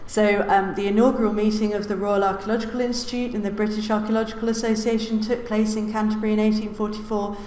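A woman's voice: medium pitch, little pitch movement, fast talker, hardly any pauses, a little mellow. A woman giving a public lecture from a lectern, with many "uh"s and the odd wry aside. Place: lecture hall. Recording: roomy lecture hall reverb, faint hiss.

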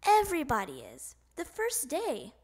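A woman's voice: high-pitched, wildly swooping pitch, a little slow, darkish tone, full character voice. A woman voicing a kindly, fussing mother frog as she reads a storybook to a toddler. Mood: soothing.

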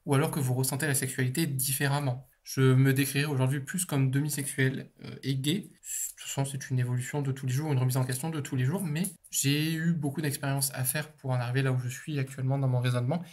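A man's voice: medium pitch, steady tone, quick pace, darkish tone. A young man, an author, answering interview questions in a casual, chatty way, with frequent fillers and the odd swear.

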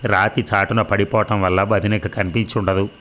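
A man reading the lines of a quiet, respectful young man speaking to his elder brother, in a low voice. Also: little pitch movement, normal speed, a little hiss or hum, lightly acted. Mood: calm, respectful.

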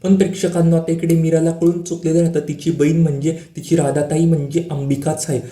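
A man's voice: on the high side, flat delivery, fast, dark tone. A man casually recapping the latest episode of a TV serial, often turning to address the viewers and repeating stock words. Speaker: TV serial update narrator. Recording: roomy echo.

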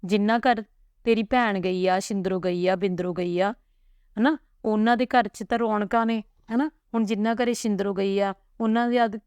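A woman voicing a kind older woman who soothes a crying girl with gentle coaxing. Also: medium pitch, fairly even intonation, moderate pace, clear, resonant tone, dry recording, lightly acted. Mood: soothing.

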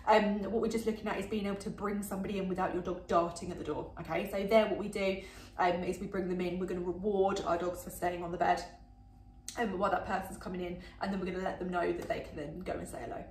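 A woman runs a dog training lesson at home, talking quickly and chatting her way through each step with plenty of "um" and "okay?". She sounds a little far from the mic in an echoey room with a faint hum of ambience behind her. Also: lowish voice, flat delivery, darkish tone. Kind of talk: instructional demonstration. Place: home indoors.

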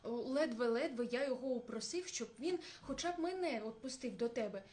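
A woman's voice: on the high side, expressive, brisk, darkish tone, natural voice. A woman voicing a small, clever hare who speaks as politely as he can. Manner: polite, pleading.

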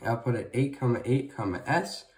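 A man's voice: mid-range voice, animated, moderate pace. Male tutorial presenter, slightly distant mic, dictating code one symbol at a time in clipped segments. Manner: dictating code symbol by symbol in short separate pieces. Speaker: presenter of a calculator programming tutorial. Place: indoors at a wooden table, off camera.

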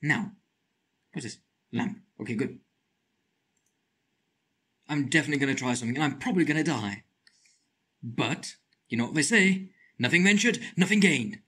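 A man with a slight lisp, giving excitable let's play commentary, muttering to himself and shrieking at wins and scares. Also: mid-range voice, normal speed, pauses often, husky. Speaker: gaming channel host.

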